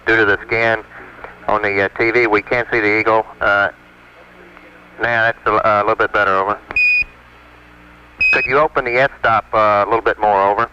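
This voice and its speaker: A man's voice: lowish voice, fairly even intonation, moderate pace, pauses often, sharp tone. An American man at mission control, speaking in clipped radio procedure over a space radio link. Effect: space radio transmission. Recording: noisy, dull 1960s space radio with clicks.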